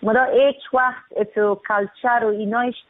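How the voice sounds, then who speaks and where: A woman's voice: fairly high pitch, steady tone. A young woman singer from Afghanistan speaks in an earnest, reflective way as a guest in a casual interview. Her voice comes over a tinny, phone-like line. It sounds dry, with no room echo.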